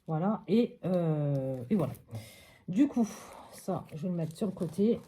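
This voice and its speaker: Crafting vlogger, woman from France: slow, low-pitched, narrates each step casually with fillers. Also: animated, mellow, slight background noise.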